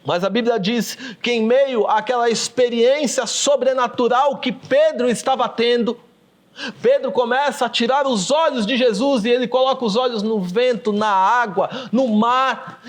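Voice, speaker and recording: This is a fervent livestreamed sermon from a male pastor who speaks to the camera with a Brazilian Portuguese accent. He calls his audience "queridos," meaning dear ones, and performs passages of scripture, using a very high-pitched voice at a moderate pace.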